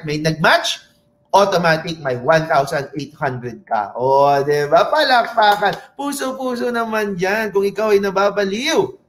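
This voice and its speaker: A man from the Philippines giving an animated sales pitch at a seminar, asking and answering his own questions, calling for applause and mixing in English phrases. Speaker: seminar presenter.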